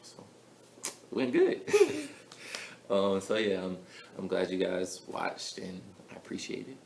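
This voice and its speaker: A man's voice: low-pitched, huge pitch swings, slow, creaky, a little hiss or hum. A young man telling a personal story to camera in a casual, chatty vlog, full of filler words. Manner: chatty, full of "like" fillers, soft mumbles between louder bursts. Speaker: vlogger. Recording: echoey room with faint ambience.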